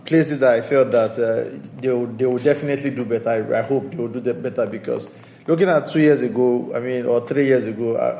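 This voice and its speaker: Man, casual movie review host, discursive and repetitive, mid pitch, echoey room. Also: mellow. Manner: discursive, circling back to restate points. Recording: roomy echoey room sound.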